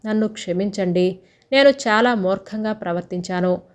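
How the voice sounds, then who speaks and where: A woman's voice: medium pitch, moderate pace, clean tone, natural voice. A woman voicing a tearful, remorseful young bride in a storybook tale. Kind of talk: storybook dialogue.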